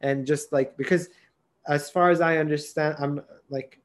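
A young man, co-hosting a podcast in relaxed casual chat, laughing often and dropping fillers. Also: fairly high pitch, normal speed. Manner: laughs easily, mixes in Arabic fillers. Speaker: podcast co-host.

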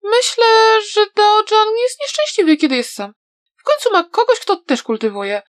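A shy young girl with a high, bright voice, put on by a woman reading a story. She speaks a touch louder than the narration and rushes as she admits her feelings. The sound is close and dry. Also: expressive, no echo. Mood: shy, admitting.

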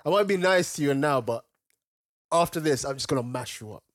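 A young man with an urban London roadman accent, telling stories in casual, slangy banter with animated reactions and repeated phrases. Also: mid-range voice, brisk, no room sound, studio quality. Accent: London, urban roadman slang style. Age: young adult.

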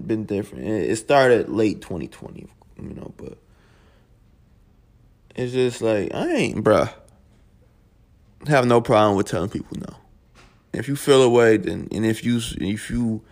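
Young adult man hosting a casual podcast from home, profane and rambling, with a lively, swinging pitch. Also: gravelly. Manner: loose, profane, rambling with restarts. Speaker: podcast host. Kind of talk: casual solo podcast talk.

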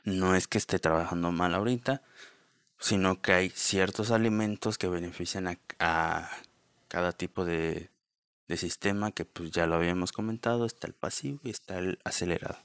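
Deep smooth-voiced man, casual podcast chat, close dry sound. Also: moderate pace, a bit bright, dry recording. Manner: rambling, many fillers and restarts. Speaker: podcast host. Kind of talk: casual solo podcast talk.

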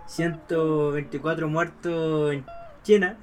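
A man's voice: on the high side, slow. Young Chilean man, raised voice, music behind. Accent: Chilean Spanish. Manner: animated storytelling, slangy. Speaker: podcast co-host. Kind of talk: casual chat among friends.

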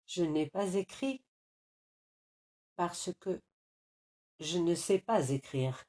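A woman voicing a proud, frustrated male lion, king of the savanna, who roars and shouts in bursts. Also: on the high side, lively intonation, slow, pitched above the performer's own voice. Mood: soft.

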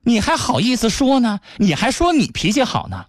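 A man hosting a radio call-in advice show, lecturing a caller in a rapid, scolding tone. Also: extremely high pitch, huge pitch swings, no echo, studio quality.

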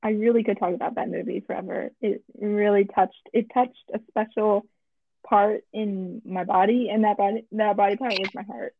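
A woman's voice: mid-range voice, steady tone, moderate pace, vocal fry, no echo. A woman, a podcast guest, chatting casually in a rambling, earnest way. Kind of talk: casual chat. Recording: tinny phone-like line.

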